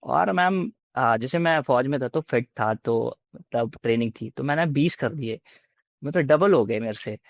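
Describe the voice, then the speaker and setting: With a gravelly, expressive, medium-pitched voice at normal speed and no room sound, a young Indian-accented man in his twenties narrates his story as an interviewee. He is a defence exam candidate, blends Hindi with English, and acts out what the officers told him in this casual interview.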